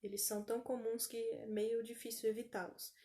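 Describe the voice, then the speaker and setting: A woman with a Brazilian Portuguese accent teaching an online English lesson, repeating each word slowly for pronunciation practice. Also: a little high, level tone, dark tone.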